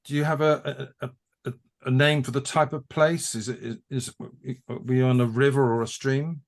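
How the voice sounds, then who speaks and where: A man tutoring a haiku workshop over a video call, talking in halting restarts as he thinks aloud. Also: medium pitch, little pitch movement, creaky. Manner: halting, repeats words while thinking. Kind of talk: conversational teaching.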